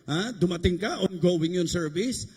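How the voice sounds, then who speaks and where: A man's voice: sits high, lively intonation, measured pace, a little mellow, breathy edge. A man from the Philippines preaching a sermon, bantering and joking with the congregation between points. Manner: joking, conversational preaching with rhetorical asides to the congregation. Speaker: bishop preaching. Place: church service abroad. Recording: echoey church hall.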